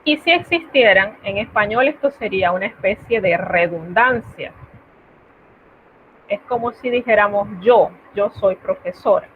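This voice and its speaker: A woman's voice: medium pitch, animated, measured pace. A woman teaching French to her students in an online class, explaining patiently in Spanish and checking in with her students. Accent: Latin American Spanish. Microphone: video call. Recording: tinny phone-like line, faint noise.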